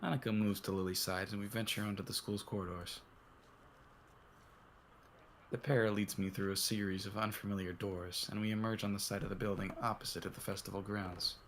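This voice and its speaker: A man's voice: lowish voice, flat delivery, fast talker, few pauses, a bit bright, a little hiss or hum. A man reading a visual novel aloud as its narrator and lead, using a put-on cowboy drawl.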